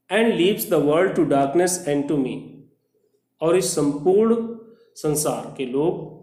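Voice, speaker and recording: A man explains a poem to students, reading each English line with slow deliberation before he breaks it down. His voice sits a little high, and his unhurried delivery echoes around the room. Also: darkish tone. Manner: reads the English lines very slowly, then explains them. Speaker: English teacher.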